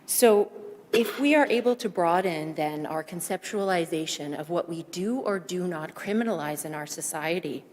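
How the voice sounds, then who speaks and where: A slightly low-voiced woman speaks at a podium microphone in a big council chamber, her words trailing off into a long reverb. She is out of breath and earnest, explaining her ideas as she thinks them through, and a faint room hum sits underneath. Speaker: psychiatrist speaking as public delegate. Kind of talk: public testimony at a budget hearing.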